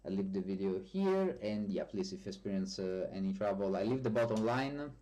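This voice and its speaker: A lowish, dark voice with lively intonation and a fairly quick pace belongs to a developer from Italy with a strong Italian accent and Italian as his first language. On a live stream he casually fields viewer questions, often correcting himself.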